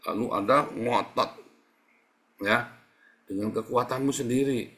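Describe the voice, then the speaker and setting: Male pastor, mid-pitched, casual conversational sermon, talks straight to the congregation with rhetorical questions and sudden loud peaks. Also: a little slow. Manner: swings between loud emphatic peaks and quiet lowered remarks.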